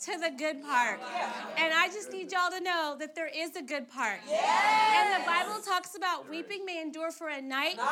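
A woman's voice: very high voice, heavy background noise. A woman preaches emphatically and encouragingly, her mouth not opening wide after wisdom teeth surgery. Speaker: preacher, speaker at a church leadership gathering. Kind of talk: sermon. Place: large indoor room with audience. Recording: live room with audience behind.

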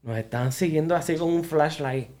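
A man's voice: on the high side, a little fast, over loud music. A man from Puerto Rico with a Puerto Rican Spanish accent, co-hosting a casual podcast and teasing the others, swearing freely. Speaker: podcast co-host. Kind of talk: casual chat.

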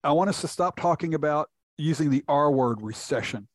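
A middle-aged chief economist from Houston, Texas, explains reports in a conversational podcast interview, often restarting his sentences. His fairly high voice is expressive and a little fast. The recording is dry, with clean studio sound.

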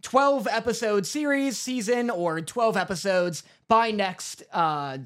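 A man's voice: high-pitched, slow, smooth. A man co-hosting a podcast in casual chat, acting as quizmaster for his friend. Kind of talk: casual chat, running a quiz.

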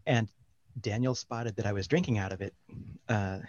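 A man's voice: lowish voice, normal speed, a little mellow, no echo, highs cut off. A man co-hosting in casual chat, easygoing and chuckling. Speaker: co-host.

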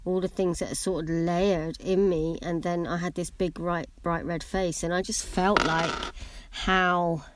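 Lower-voiced woman speaking with braces. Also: steady tone, unhurried, no room sound. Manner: speaking with braces, occasionally imprecise pronunciation. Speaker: podcast host. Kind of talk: reflective personal monologue on self-acceptance.

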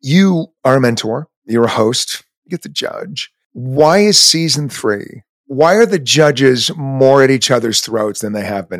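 A man hosting an interview, chatty and gushing, and quick to laugh. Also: mid-range voice, fairly bright tone, dry recording. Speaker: interview host.

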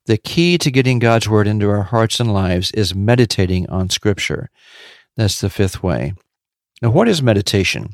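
A man with a fairly low voice gives a devotional teaching, measured and steady. He repeats his key points for emphasis, heard close and dry with no room around him. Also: dry recording. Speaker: podcast Bible teacher.

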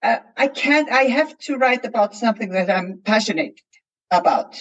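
A woman's voice: on the high side, expressive, moderate pace, lo-fi sound. Icelandic woman, hesitant and searching. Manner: hesitant, many fillers and restarts while searching for words. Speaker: crime novelist guest. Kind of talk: casual panel chat.

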